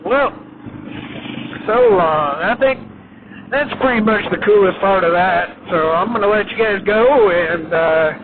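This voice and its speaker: Guy motovlogging inside his helmet, kinda higher voice, halting n slow, muffled w road noise. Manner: halting, unhurried, pausing often. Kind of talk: casual riding commentary. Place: inside a helmet, riding a motorcycle on the highway. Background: motorcycle engine and road wind, loud.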